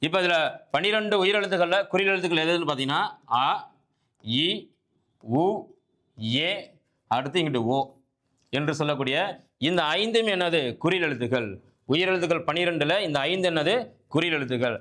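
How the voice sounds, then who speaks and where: A man's voice: on the high side, fast talker, a bit bright. A man teaching a grammar lesson, asking questions and answering them himself, repeating key points and often checking that listeners follow. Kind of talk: exam-prep grammar lesson.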